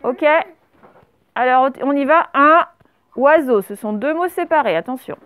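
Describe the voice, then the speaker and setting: A woman teaching a primary class, dictating words slowly and spelling them out letter by letter. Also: high-pitched, animated, slight background noise. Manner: slow, over-articulated dictation of words.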